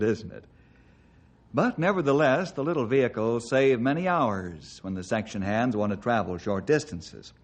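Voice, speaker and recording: A man's voice: medium pitch, close to an everyday voice. A man playing a friendly forest ranger who narrates an old-time radio drama for children. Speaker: host and narrator.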